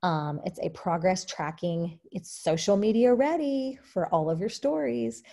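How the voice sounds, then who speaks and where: A woman's voice: medium pitch, lively intonation, measured pace, gravelly, mellow. A woman leading a casual online training call for her team, chatty and upbeat with many fillers, a bit out of breath. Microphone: video call.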